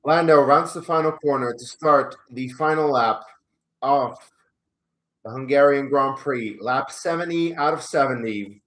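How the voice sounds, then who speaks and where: A man with a Dutch accent reacts live while watching a race with his viewers. His voice is bright and tense, and he talks slowly and unhurriedly. His reactions are emotional and excitable. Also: medium pitch. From Netherlands. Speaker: streamer and race fan.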